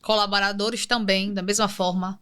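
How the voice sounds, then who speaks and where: A woman's voice: medium pitch, flat delivery, normal speed, a bit bright, smooth. A woman who specializes in emotional leadership, speaking emphatically as a podcast guest and addressing the listener directly. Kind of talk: motivational podcast talk.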